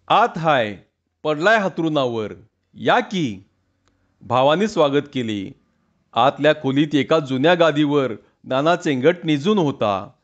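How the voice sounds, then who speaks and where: Slow, measured male storyteller. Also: fairly high pitch, highs cut off. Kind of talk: scripted narration of a humorous story.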